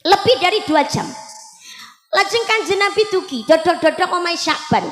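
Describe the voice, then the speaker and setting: A woman's voice: very high voice, expressive, moderate pace, fairly bright tone, soft background music. A woman preacher with a Javanese accent, telling a story in a humorous sermon and voicing the people in her tale. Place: live religious gathering. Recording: echoey hall with long reverb.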